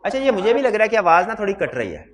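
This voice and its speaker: A man teaching law in a hybrid classroom. He has a sore throat, speaks loudly into a microphone, and keeps putting questions to his students. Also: high-pitched, sing-song, very fast. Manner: quizzes students with repeated questions. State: throat trouble, talking loudly. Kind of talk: classroom lecture.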